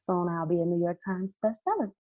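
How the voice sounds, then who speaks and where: A woman's voice: lowish voice, expressive, a little fast, dull audio. A woman in her thirties, a podcast guest speaking in an easygoing way with light fillers. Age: 30s. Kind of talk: casual podcast chat.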